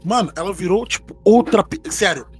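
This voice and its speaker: A high-pitched, slightly fast male voice with a Brazilian Portuguese accent tells friends a spooky story over soft background music. He keeps it casual but animated, acting out the quoted lines as he retells it.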